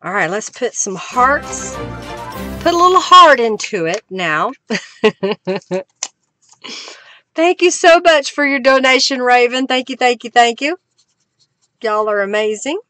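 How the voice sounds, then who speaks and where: A middle-aged Oklahoma woman hosts a live crafting stream from her desk, chatting casually, giggling, thanking viewers and humming as she works. Her voice is on the high side, expressive and sharp, with slow speech and long pauses. There's no echo, but faint music plays in the background.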